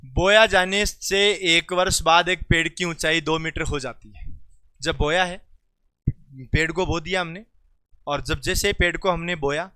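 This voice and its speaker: A man teaching a class in Hindi with a Rajasthani accent, teasing and coaxing students by name, loud calls to the class and quieter explanations. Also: on the high side, unhurried, clear, resonant tone, no room sound. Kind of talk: classroom lesson.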